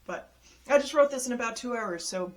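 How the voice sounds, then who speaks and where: A woman casually telling a personal story, lively and exasperated, mimicking the people she quotes with big leaps in her voice. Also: fairly quick. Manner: animated, acts out quoted people with jumps in pitch; exasperated retelling of a travel mishap.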